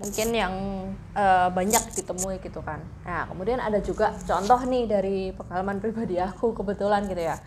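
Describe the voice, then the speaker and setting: A woman's voice: mid-range voice, fairly quick, darkish tone. A woman explaining things in a casual, informal chat, mixing in English phrases. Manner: informal, mixes English phrases into her talk. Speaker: host explaining psychology with personal stories. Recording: clear background noise.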